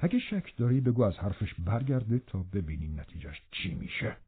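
A man's voice: lowish voice, sing-song, husky. A man reading aloud, voicing a cruel, domineering man who speaks harshly and with scorn in an audiobook. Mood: scornful. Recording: narrow phone-like band.

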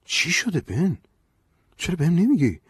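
A man's voice: fairly high pitch, huge pitch swings, breathy edge, dry recording, studio quality, voice pushed up, heavily acted. A man voicing an anxious young woman, an aspiring novelist, who asks nervous questions and stammers. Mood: anxious pleading. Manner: hesitant, stammering.

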